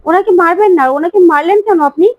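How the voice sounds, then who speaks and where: A woman's voice: very high-pitched, quick pace, dry recording, highs cut off, voice pushed up. A woman voicing a concerned young woman pleading for someone not to be hit.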